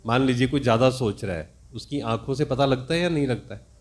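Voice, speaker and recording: A man's voice: mid-range voice, fast talker. A man giving a spiritual discourse, teaching reflectively and asking his listeners questions.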